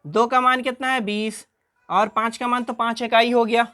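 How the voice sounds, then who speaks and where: Woman math teacher, higher voice, keeps quizzing the class and answering herself. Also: level tone, normal speed, fairly bright tone. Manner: asks questions and answers them herself, repeats key terms.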